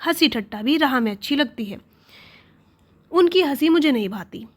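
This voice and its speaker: A woman's voice: sits high, lively intonation, moderate pace. A woman voicing an upset, stubborn young wife who complains indignantly about leaving today. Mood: complaining.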